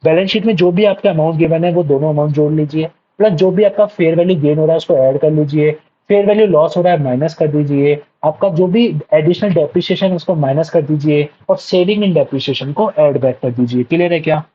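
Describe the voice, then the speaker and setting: A man's voice: on the high side, fairly quick, muffled recording. A male accounts teacher giving an exam revision lecture. He keeps checking whether the students follow, answers "yes sir" for them and repeats each key point.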